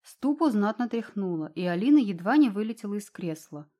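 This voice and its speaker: Female audiobook narrator, measured and expressive storytelling, mid-pitched, reading a fantasy chapter. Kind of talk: scripted narration.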